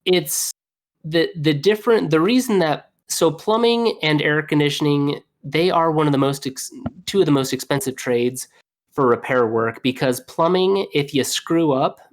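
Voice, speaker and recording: A young man talks shop as a plumber on a podcast, loose and chatty, piling on "you know" as he tells his stories. His delivery is lively and animated, and he laughs easily. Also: fairly high pitch, moderate pace. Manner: animated, laughing storyteller with fillers. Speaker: plumber guest. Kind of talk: casual storytelling.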